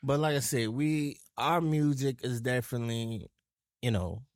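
A man from New Orleans telling animated, profane stories in casual podcast chat. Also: mid-range voice, moderate pace, no room sound, clean studio sound.

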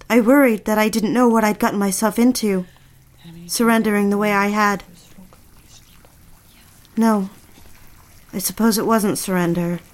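In a piece of dramatic audio fiction blending dialogue with confessional narration, a woman with a natural, medium-pitched voice portrays a nervous, submissive young wife looking back on a troubled marriage. She speaks hesitantly, pleads, and repeats herself over background music.

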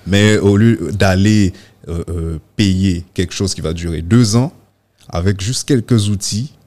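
Interview guest: man, deep low voice, halting, full of fillers. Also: darkish tone. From Guadeloupe. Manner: hesitant, many fillers and restarts. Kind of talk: casual interview talk.

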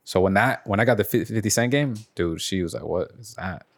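A man's voice: fairly low pitch, fast talker. A man hosting a podcast in casual, slangy, rambling banter with swearing. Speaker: podcast host.

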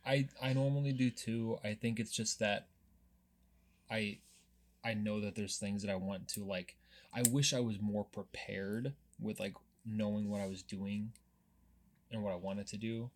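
A man's voice: fairly low pitch, fairly even intonation, unhurried. A young man co-hosting a podcast and chatting casually as a teacher, meandering and hesitant, with many fillers and restarts. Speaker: podcast co-host, high school teacher.

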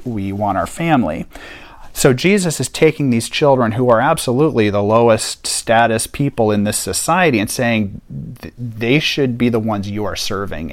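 Man, podcast Bible teacher, earnest, emphatic, conversational, repeats key points. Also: mid-range voice. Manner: earnest, animated, emphatic repetition.

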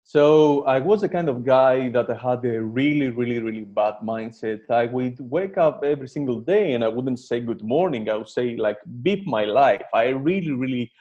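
The lo-fi clip captures a warm, mid-range male voice at ordinary speed, hardly stopping for breath. He's a thirtysomething Greek, Greek being his first language, chatting through his story on a podcast with lots of fillers and false starts.

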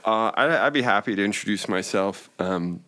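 A man's voice: on the low side, expressive, moderate pace, bright, forceful tone. A man in his forties telling his story as an interview guest, rambling with fillers and restarts. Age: 40s. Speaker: interview guest, cannabis business owner.

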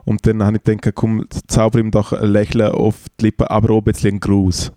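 A man's voice: lowish voice, monotone, fairly quick, warm tone, dry recording, studio quality. A man with a Swiss German accent co-hosting a podcast in casual banter, rambling and joking as he searches for words. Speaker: podcast co-host. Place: remote, on the English coast.

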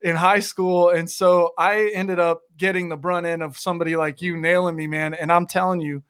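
Chatty high-voiced man in his thirties. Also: level tone, normal speed, fairly bright tone, clean tone. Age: 30s. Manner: chatty, uses "dude" and "bro". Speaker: podcast host. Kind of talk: casual interview chat.

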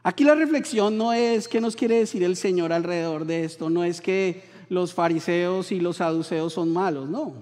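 Colombian pastor preaching in a reverberant hall. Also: male voice, high voice, normal speed, hardly any pauses. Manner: animated storytelling, acting out voices in quotes. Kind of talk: sermon.

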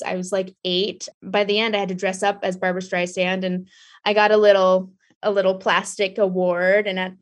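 A young woman talks through her answers in an interview, loose and chatty, often laughing and circling back on her words. Her voice sits in an ordinary middle range. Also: mid-range voice. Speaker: artist guest.

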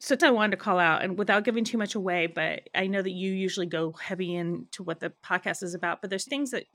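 A woman co-hosts a podcast, talking at length in casual chat with an enthusiastic, teasing manner. Her voice is mid-pitched. The recording is dry and close. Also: fast, a bit bright, dry recording. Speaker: podcast co-host.

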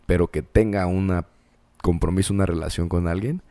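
Deep-voiced Mexican man, laid-back. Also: fairly even intonation, a little fast, dark tone, dry recording. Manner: laid-back, slangy storyteller. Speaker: podcast co-host. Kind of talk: casual chat.

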